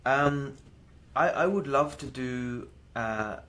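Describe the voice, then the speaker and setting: A man's voice: mid-range voice, slow pace. A man in his thirties, an actor being interviewed, talking casually with hesitant fillers and easy laughs. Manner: relaxed, hesitant with many fillers, laughs easily. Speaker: actor guest.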